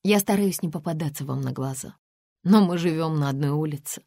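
Woman doing a sharp-tongued young woman, curt, low voice, dry sound. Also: brisk, no room sound. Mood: mocking.

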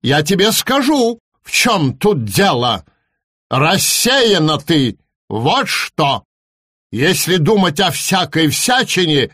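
Storybook raven: old, grumpy, preachy male, pitched high and scolding, played by a man. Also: a bit bright, no room sound, clean studio sound, exaggerated voice. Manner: scolding, lecturing. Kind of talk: storybook reading.

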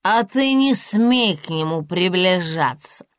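A woman voicing a drunk, furious middle-aged woman who slurs and shouts. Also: fairly low pitch, animated, slow, dry recording, clean studio sound. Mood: shrill, drunk. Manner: slurred, shouting.

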